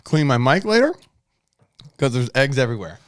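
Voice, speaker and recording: A man co-hosting a casual podcast, animated and quick to laugh, demonstrating a snack recipe. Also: medium pitch. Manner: animated, laughs often, talks with mouth full. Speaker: podcast co-host. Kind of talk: casual chat.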